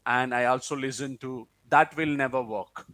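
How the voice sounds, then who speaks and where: A man's voice: mid-range voice, fairly even intonation, normal speed, fairly bright tone. A man who is not a native English speaker, answering interview questions in a hesitant way with restarts.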